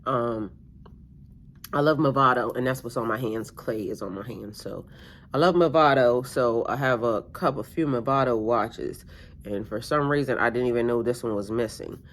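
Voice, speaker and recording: A middle-aged woman, a tarot reader and spiritual coach, talks to camera at home in an extremely low voice at a moderate pace, with a faint hiss in the background. Her casual monologue meanders from thought to thought, full of ums, fillers, and restarts, and her nose sounds slightly stuffy.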